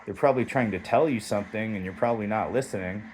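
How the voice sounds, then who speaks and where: A man's voice: lowish voice, fast, slight background noise, poor audio. A man delivering a heated, rambling, profanity-filled monologue straight to camera as a vlogger.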